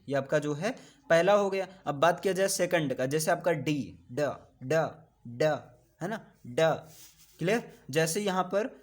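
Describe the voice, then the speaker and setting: A man with an Indian accent teaching a classroom lesson on English sounds, repeating each sound and often asking if it is clear. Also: a little high.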